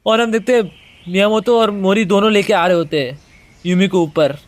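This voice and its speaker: A man's voice: high voice, moderate pace, no echo. A man casually retelling the plot of a manga as a storyteller. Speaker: manga explainer. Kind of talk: storytelling recap.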